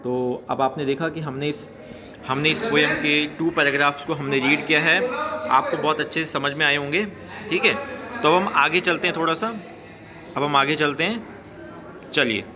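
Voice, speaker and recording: A young man teaching a class of children, reading a poem slowly line by line and repeating it, then explaining in Hindi, filmed on a phone at a school. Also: a little high, fairly even intonation, a crowd in the background. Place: school grounds, filmed while walking around.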